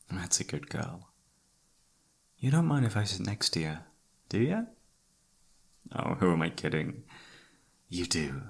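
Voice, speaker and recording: For an ASMR roleplay, a man voices a young male college bully in full character, using a low voice with vocal fry, a breathy edge and a slightly bright tone. He speaks slowly and condescendingly, taunting and menacing the listener with smug, domineering and possessive energy throughout.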